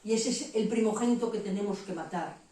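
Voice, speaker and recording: A Spanish-woman preacher gives a frank, animated testimony and slips into the voices of the people she quotes. Her voice echoes heavily through a church hall and sounds distant from the mic. A faint hum of the room sits underneath. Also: mid-range voice, a little fast. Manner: candid and animated, quoting herself and others. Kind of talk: testimony sermon.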